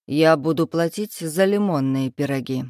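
A woman voicing a brash, mocking young man who teases calmly and without hurry. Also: sits low, dry recording, studio quality, natural voice. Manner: teasing, smug, unhurried.

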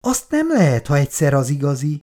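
A reader voicing Icu, a lively and outspoken young woman in a storybook reading. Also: sits low. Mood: urging.

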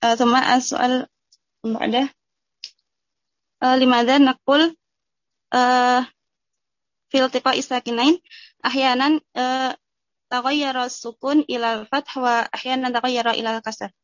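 A woman student asking her grammar teacher questions, hesitant and pausing often. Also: high-pitched, flat delivery, dry recording, lo-fi sound. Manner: hesitant, with many fillers.

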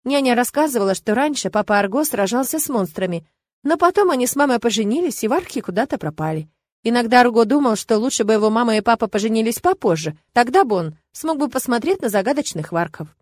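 A woman narrating an audiobook in an even storytelling manner. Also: a little high, quick pace, no echo. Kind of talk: scripted narration.

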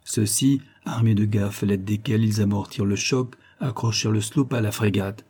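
Male audiobook narrator, dark husky voice, steady storytelling read. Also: on the low side, moderate pace. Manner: even, storytelling.

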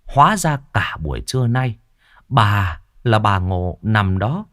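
A man narrating a comic folk tale in a lively, animated storytelling manner. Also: fairly low pitch, slow.

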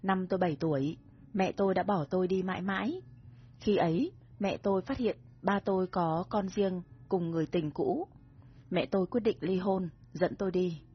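Romance audiobook: woman voicing a gentle, coaxing young heir, low and husky. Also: normal speed. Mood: tender. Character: young rich heir, domineering but tender man. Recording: dull recording with soft music.

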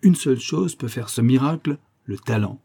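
A man's voice: medium pitch, expressive, normal speed, gravelly, mellow. A man reading aloud, voicing a fond older man who coaxes a young woman with persuasive words. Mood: tender. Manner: coaxing and persuasive.

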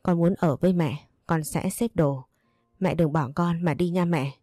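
A woman's voice: on the low side, moderate pace, dark tone, no echo, studio quality, faint music behind, natural voice. A woman voicing a small, frightened daughter who speaks in a pleading, tearful way in a storybook reading.

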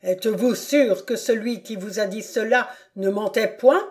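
A woman's voice: medium pitch, unhurried, warm tone, lightly acted. A woman voicing a proud, furious aristocratic father who thunders accusations at his son in an audiobook.

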